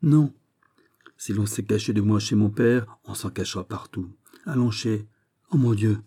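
A man's voice: on the low side, mellow, husky. A man doing a distraught young nobleman. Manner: agitated, rapid questioning.

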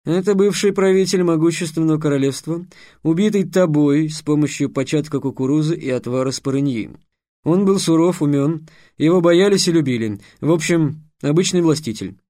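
Мужчина-чтец озвучивает строгого, насмешливого декана, обучающего ассасинов; говорит наставительно и повелительно. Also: male voice, on the high side, normal speed, warm tone, no room sound, clean studio sound, natural voice. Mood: commanding. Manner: lecturing, sarcastic, commanding. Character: stern, scornful male dean teaching assassins. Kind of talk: audiobook character voice.

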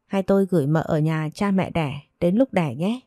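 A woman voicing a gentle, devoted young husband who speaks politely in a storybook reading. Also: on the low side, normal speed, no room sound, clean studio sound, close to an everyday voice.

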